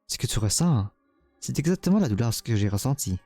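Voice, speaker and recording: A man's voice: mid-range voice, sing-song, dark tone, dry recording, faint music behind. A man voicing a cruel, taunting young female witch spirit while reading a game's dialogue aloud. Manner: mocking, teasing, slow and menacing.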